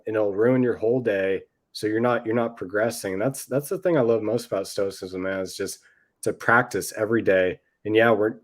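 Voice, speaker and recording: Low-voiced laid-back guy saying dude. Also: darkish tone. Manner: laid-back, peppers talk with "dude" and "man". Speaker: podcast co-host. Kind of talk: casual chat.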